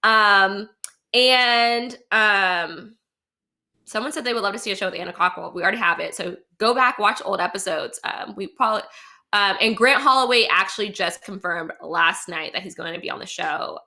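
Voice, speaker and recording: A young woman hosts a casual, chatty online talk show via remote livestream, teasing and playing around informally. Her medium-pitched voice has a sharp tone and moves at a normal pace.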